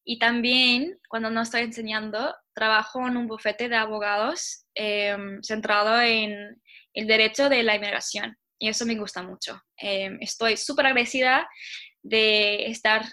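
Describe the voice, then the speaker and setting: A young woman with a Chilean accent, chatting casually in an interview and talking quickly, like a little bird. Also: on the high side, fairly even intonation, sharp tone. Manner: talks fast, like a little bird. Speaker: interviewee, Spanish teacher. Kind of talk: casual conversation.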